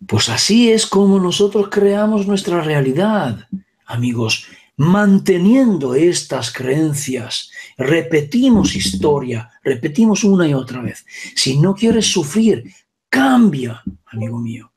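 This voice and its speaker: Slow, emphatic male spiritual teacher. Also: fairly high pitch, sing-song, a little mellow. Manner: emphatic, checks in with the listener often. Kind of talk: teaching session with a reader.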